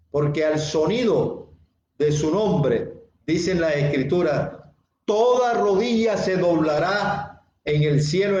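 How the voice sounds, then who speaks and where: A male pastor preaching a sermon slowly and deliberately, repeating key phrases and speaking straight to his listeners. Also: on the high side, darkish tone, roomy sound, muffled recording.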